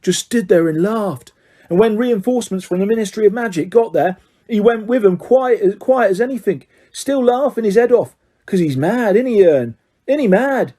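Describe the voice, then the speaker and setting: This man raises his voice to a high, mellow pitch to play a young male wizard bus conductor in an audiobook character voice. At a moderate pace and with lively intonation, the conductor comes across as eager and gossipy, excitedly passing on news and leaning on tag questions.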